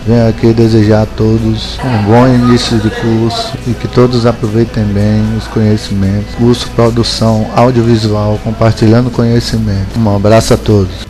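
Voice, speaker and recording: A man, a teacher, giving a plain, steady recorded self-introduction. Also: lowish voice, normal speed, hardly any pauses, over music, rough recording.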